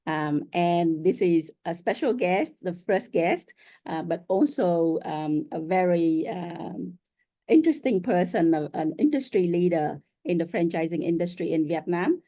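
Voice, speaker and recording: Woman host, interview, lower pitch, mellow tone, hesitant fillers. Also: expressive, a little slow. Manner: friendly, many fillers.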